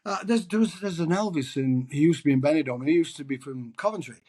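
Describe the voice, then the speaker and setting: Talking fast in a dark, husky voice pitched a little high, this middle-aged English tribute singer chats casually in an interview. He rambles, restarts, and makes fun of himself.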